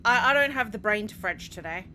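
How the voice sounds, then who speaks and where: A young Australian woman commentating live as she plays a video game, animated, swearing and laughing often. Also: medium pitch, a little fast, slight background noise. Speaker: streamer.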